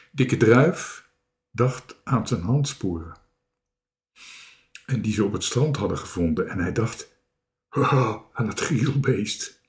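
A man reading a children's story aloud, slowly and expressively, with small voices for the characters. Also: lowish voice, a little mellow.

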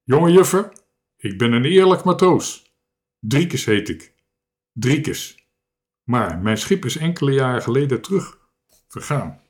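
A man voicing a proud, excitable shipwrecked sailor who shouts and stammers. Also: medium pitch, slow, pauses often. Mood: proud indignant.

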